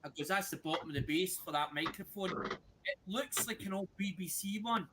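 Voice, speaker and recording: A man's voice: high voice, normal speed, noisy background. A man with a broad Scottish accent that is hard to follow, chatting casually on a live stream.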